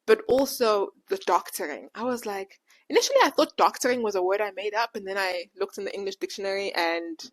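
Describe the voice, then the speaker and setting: Woman who says w for r. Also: medium pitch. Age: late 20s. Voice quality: can't pronounce R, says w for r. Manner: animated, slangy retelling with quoted dialogue. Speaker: podcast host. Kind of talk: casual personal reflection, storytelling.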